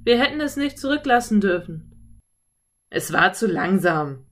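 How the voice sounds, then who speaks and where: A woman voicing rough male cowboys, loud and grumbling. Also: medium pitch, normal speed, lightly acted. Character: rough adult male cowboys, gruff horse thieves.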